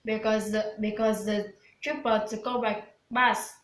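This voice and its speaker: A woman student carefully recites practice answers in English as scripted speaking practice. Her mid-range voice is flat and a little slow, her answers plain, and the recording sounds reverberant.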